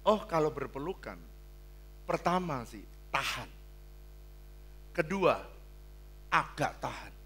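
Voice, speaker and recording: Bright-voiced older pastor preaching. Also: male voice, a little high, lively intonation, takes it slowly, long pauses, breathy edge. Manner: emphatic, swinging from hushed pleading to loud exclamations; blunt, joking with the congregation. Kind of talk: sermon. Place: church hall.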